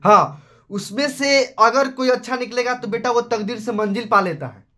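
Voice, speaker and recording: A man's voice: extremely high pitch, moderate pace, pushed and bright. A young man with a Bihari accent teaching maths in a live class, chatty and scolding, calling his students beta. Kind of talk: casual Hindi live class.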